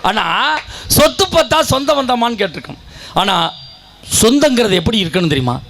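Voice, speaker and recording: High-voiced Kongu Tamil man on stage. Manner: storytelling with punchlines, turns loud and shouting at times. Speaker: comic debate speaker. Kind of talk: comic stage speech. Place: stage before a live audience.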